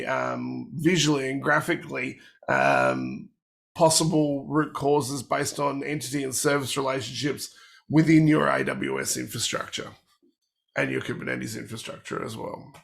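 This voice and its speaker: Presenting a technical workshop, a man walks through product features. He has a cold, and his medium-pitched voice sounds croaky and gravelly.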